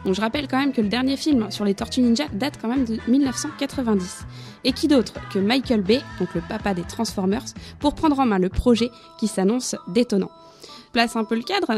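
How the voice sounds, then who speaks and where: A woman presenting a film review on the radio with a lively, read-aloud delivery. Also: a little high. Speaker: film columnist.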